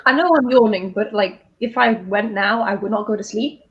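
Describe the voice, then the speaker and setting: A woman on a reading stream, chatting in a teasing, animated way with frequent laughter. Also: mid-range voice, normal speed, muffled recording. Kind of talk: casual chat on a livestream.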